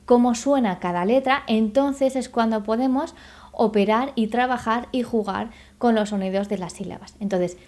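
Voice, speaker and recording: A woman speech therapist giving an online lesson, explaining patiently, sounding out syllables slowly and checking in with the viewer. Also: fairly high pitch, darkish tone. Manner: addresses the viewer directly with checking questions. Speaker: speech therapist teaching a course.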